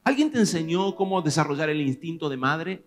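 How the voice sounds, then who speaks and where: A man with a Rioplatense Spanish accent, a pastor preaching a sermon in a lively, conversational way, pressing questions on his congregation. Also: fairly high pitch, fairly quick, a little hiss or hum. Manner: animated preaching, rising loud on questions to the congregation.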